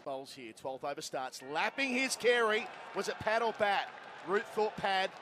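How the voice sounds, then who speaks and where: Calling the cricket on live radio, this man narrates the action in brief, flowing bursts. His high voice is expressive and his pace moderate, while a cricket crowd and outdoor atmosphere sound clearly behind him.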